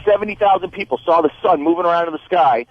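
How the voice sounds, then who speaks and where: A man's voice: a little high, fast. A man calling into a radio talk show over a phone line, arguing insistently and repeating his point again and again. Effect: heard over a call-in phone line on air. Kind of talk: heated call-in argument. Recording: dull, muffled call-in line.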